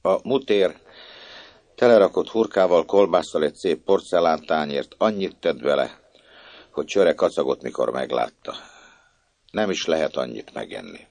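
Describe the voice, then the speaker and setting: A man's voice: very deep voice, expressive, creaky, a little mellow, dry recording. A man reading a story aloud expressively, voicing the characters. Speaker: narrator.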